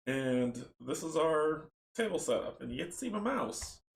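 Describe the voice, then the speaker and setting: Gravelly-voiced man narrating a board game. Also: fairly high pitch, a little slow, slight background noise. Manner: relaxed, rambling, laughs at own slips. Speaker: tabletop game player and narrator. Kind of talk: casual chat and story reading. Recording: roomy echo.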